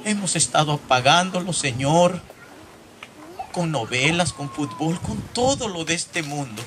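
A man's voice: fairly high pitch, lively intonation, unhurried. Fervent man praying aloud, noisy church. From Latin America. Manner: pleading, crying out, rising to shouts. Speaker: church member leading prayer. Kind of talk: fervent spoken prayer.

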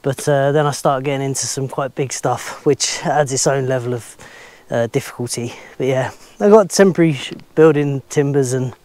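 A man in his thirties films himself doing building work outdoors in a sawmill yard, speaking plainly and thinking aloud with fillers in a casual vlog. His voice is medium-pitched and a little mellow, at normal speed with hardly any pauses and no echo.

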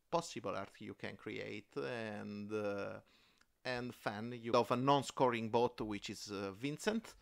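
Man with a smooth, resonant voice. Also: medium pitch, a bit bright. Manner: halting, many fillers and restarts. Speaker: podcast co-host. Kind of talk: casual board game chat.

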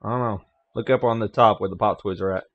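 A man hosting a video game session, chatting casually, laughing often and shouting at the screen. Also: lowish voice, steady tone, fast, highs cut off. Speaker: let's play host. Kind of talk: casual gameplay commentary.

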